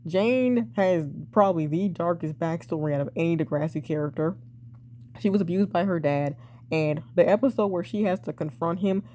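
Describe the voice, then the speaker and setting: A young woman reviewing a TV drama in a blunt, exasperated way, sighing and swearing, her voice a bit hoarse and cracking. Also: on the low side, dark tone, a little hiss or hum. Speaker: TV show reviewer. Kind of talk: casual opinionated review.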